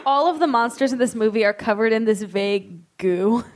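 A woman's voice: a little high, normal speed. A woman on a podcast panel chatting casually and comedically, with wry, giggly asides.

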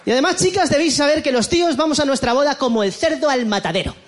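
On a comedy club stage, a middle-aged man with a Spanish accent from Spain does stand-up in an exaggerated, mocking style, breaking into voiced impressions. His voice is extremely high and quick, with a little hiss or hum and audience laughter in the background.

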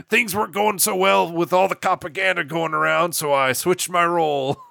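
A man putting on a voice as a male cartoon crime-fighting dog who calls himself a news hound, speaking slowly and in a mock-announcing way. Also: sits high, steady tone, creaky, sharp tone, dry recording, studio quality, pitched above the performer's own voice, exaggerated voice. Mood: playful.

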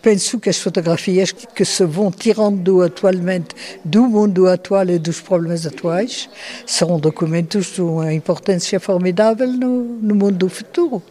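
Very old woman, slow and reflective. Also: on the low side, dark tone. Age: 90s. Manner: slow, thoughtful, with hesitations and restarts. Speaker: interviewee. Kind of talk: reflective interview answers.

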